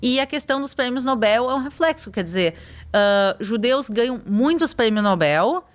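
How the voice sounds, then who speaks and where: On the high side and animated, the voice belongs to a young Brazilian woman speaking at normal speed. A tour guide guesting on a casual podcast, she gives long explanations and says "tu" and "pessoal."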